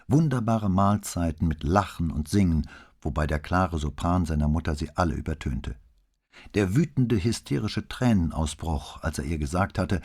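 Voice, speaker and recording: Deep, husky male audiobook narrator. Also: darkish tone. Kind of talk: scripted narration.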